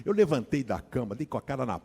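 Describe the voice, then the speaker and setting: A Brazilian man preaching a sermon as a pastor, telling stories in a slangy, animated way that swings from hushed asides to loud dramatic bursts. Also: medium pitch, quick pace, vocal fry, slightly rough. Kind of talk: sermon with personal storytelling. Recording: long hall reverb.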